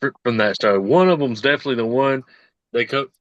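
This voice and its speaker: A man's voice: mid-range voice, quick pace, fairly bright tone, no room sound, highs cut off. A man with a Southern US accent co-hosting a casual podcast chat, laughing often and tripping over names. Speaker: podcast co-host.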